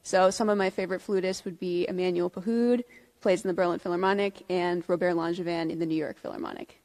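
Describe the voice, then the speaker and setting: A woman's voice: on the low side, steady tone, fast talker, a little mellow. A young woman in her twenties, a flutist, answering interview questions in a composed way on a concert hall stage. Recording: long hall reverb.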